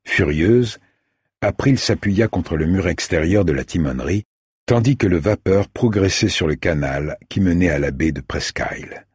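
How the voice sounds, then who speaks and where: A man reads an audiobook chapter in a measured, steady narration. His voice is deep and strongly husky, almost breathy. The recording is close and completely dry. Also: dry recording.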